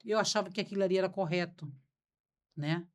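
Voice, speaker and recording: A Brazilian woman hosts a podcast in a conversational interview, speaking frankly and informally with a Brazilian Portuguese accent. Her voice is on the low side and her pace is brisk.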